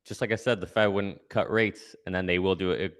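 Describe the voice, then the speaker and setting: Brisk and steady, a man with a low, slightly bright voice gives relaxed guest commentary, laying out his analysis step by step. He habitually ends points with "right?".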